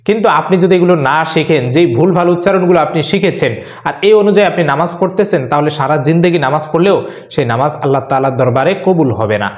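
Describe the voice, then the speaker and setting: A man giving a religious lesson, speaking earnestly and instructively. He repeats phrases slowly so learners can follow along. His voice sits on the higher side, and the room rings with noticeable echo. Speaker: Islamic religious teacher. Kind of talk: religious lesson on prayer recitation.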